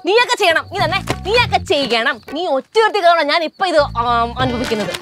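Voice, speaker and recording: A woman playing a spoiled, bossy young woman in a comedy sketch, scolding quickly. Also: sits high, very animated, over music.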